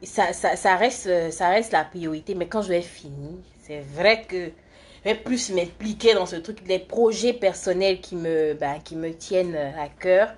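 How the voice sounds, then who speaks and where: Speaking at a measured pace in a somewhat low voice, this young woman from Côte d'Ivoire chats on her livestream. She's a student who answers comments in a meandering way as she applies makeup.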